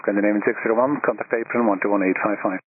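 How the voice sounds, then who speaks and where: A man's voice: lowish voice, steady tone, very fast. A man working as an air traffic controller, giving clipped, procedural instructions over aviation radio. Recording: tinny narrowband radio, faint static.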